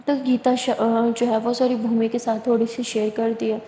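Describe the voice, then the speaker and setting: Woman storyteller, fairly high, monotone, echoey room with long reverb. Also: a little hiss or hum. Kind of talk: spoken story narration.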